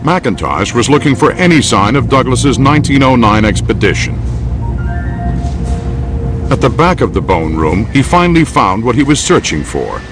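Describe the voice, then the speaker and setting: A man's voice: medium pitch, sing-song, moderate pace, music in the background. A man reading scripted narration for a nature documentary.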